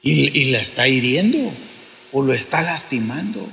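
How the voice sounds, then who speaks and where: Gravelly preacher in a hall. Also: male voice, mid-range voice, lively intonation, normal speed, pushed and bright. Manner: preaching with acted-out quotes and many restarts. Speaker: pastor. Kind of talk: sermon.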